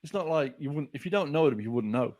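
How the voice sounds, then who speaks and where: On a casual podcast, a guest author in his forties speaks fast with a fairly high pitch. His storytelling is animated, with the quotes of others acted out.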